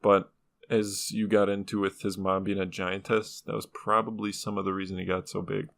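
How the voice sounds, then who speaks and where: A man's voice: on the low side, level tone, normal speed, vocal fry, a bit bright. A man presenting the topic on a casual podcast, laid-back, laughing often and swearing casually.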